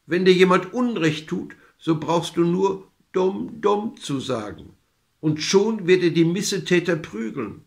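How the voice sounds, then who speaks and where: A man's voice: high voice, expressive, measured pace, creaky, voice pushed up, heavily acted. A man voicing a very old peasant woman in a fairy tale, earnest and reassuring. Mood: instructing.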